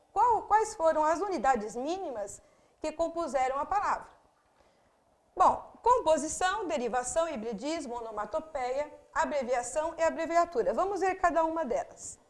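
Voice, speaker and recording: A woman teacher with a Brazilian Portuguese accent, lecturing on grammar. Her voice sits high and swings widely up and down. She draws out example words slowly to stress each syllable and corrects her own small slips as she goes.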